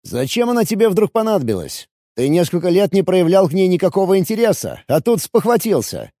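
A man's voice: high-pitched, sing-song, a little fast, mellow, no echo, studio quality, voice pushed up, full character voice. A man reading an audiobook, voicing an irritable, suspicious red-haired violinist who presses with sarcastic questions.

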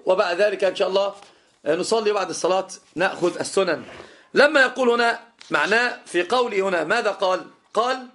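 A middle-aged man teaching a classroom lesson as an Islamic scholar, his voice pitched notably high for a man. He drives points home by repeating phrases and drawing out key words. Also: a bit bright. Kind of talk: classroom lecture on legal theory.

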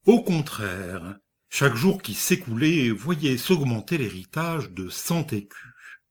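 Male audiobook reader, unhurried and measured, plain middle voice for story narration. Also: mid-range voice, very animated, darkish tone, breathy edge. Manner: slow, measured reading. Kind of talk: scripted narration of a short story.

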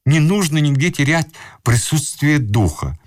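A man doing a fussy, flustered old gentleman. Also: a little high, sing-song, a little slow, dry recording, studio quality, pitched above the performer's own voice. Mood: fretful pleading. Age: older. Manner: fussy, pleading, wounded dignity. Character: flustered elderly gentleman in a raccoon coat.

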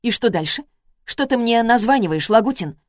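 A woman's voice: a little high, expressive, moderate pace, no echo, clean studio sound, pitched above the performer's own voice, natural voice. A woman reading a story voices a curt, mocking ex-wife in clipped, cold lines.

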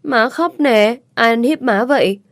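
A woman's voice: fairly high pitch, measured pace, no room sound, voice pushed up. Brief: woman doing small boy in a storybook reading, pleading, dry close sound. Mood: worried. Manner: pleading, questioning. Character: little boy, clingy and curious.

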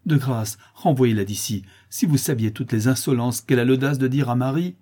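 Guy doing gentle young girl, pleading, soft husky voice. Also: medium pitch, a little fast, voice pushed up, close to an everyday voice. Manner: pleading, tender.

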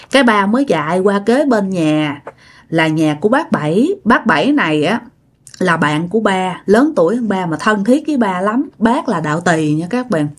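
Southern Vietnamese woman, conversational ghost-story teller, talks straight to her listeners. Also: mid-range voice. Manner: chatty, with filler phrases and asides to listeners.

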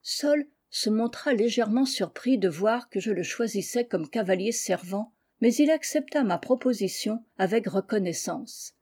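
A woman narrating a classic story as an audiobook reader. Her voice is mellow and warm, with a calm, measured way of telling the tale. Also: mid-range voice, husky.

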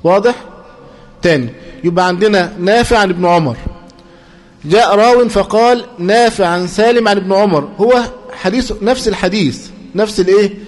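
A man with an Egyptian Arabic accent teaching a class, repeating points and pausing so students can finish his sentences. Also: sits high. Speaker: teacher of hadith terminology. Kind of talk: classroom lecture with call-and-response questions.

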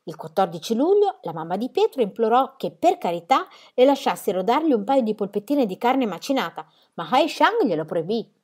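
A woman reading a children's story aloud, calm and expressive. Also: fairly high pitch, brisk, few pauses. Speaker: reader. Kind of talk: audiobook reading.

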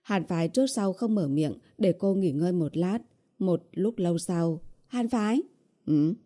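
A woman narrating a romance audiobook in a steady storytelling manner. Her voice sits low and sounds dark and mellow. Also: normal speed. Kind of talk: scripted narration.

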